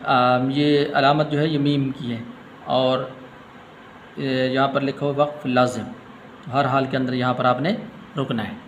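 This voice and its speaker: A man teaching Quran recitation, chanting verses melodically and stopping to explain pronunciation rules quickly and softly. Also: medium pitch, flat delivery, a little hiss or hum.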